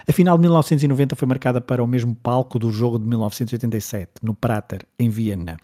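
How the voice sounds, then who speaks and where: A man's voice: mid-range voice, mellow. A man with a European Portuguese accent reading a scripted documentary-style sports narration.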